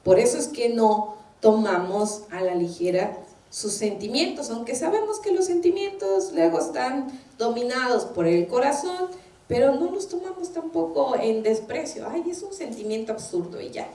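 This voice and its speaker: A woman minister preaches and acts out the voices in her stories. Her voice sits a little high with a mellow tone. She is picked up from a distance in an echoey room. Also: expressive, normal speed. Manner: anecdotal, acts out quoted voices. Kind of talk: sermon.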